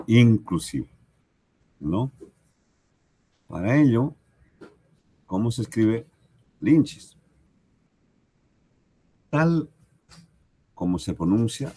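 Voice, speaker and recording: A man with a Peruvian Spanish accent teaching a recorded language lesson, speaking slowly and deliberately, repeating examples and checking in with "right?". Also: low-pitched, warm tone, slightly rough. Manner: slow, deliberate, repeats examples and asks "¿correcto?".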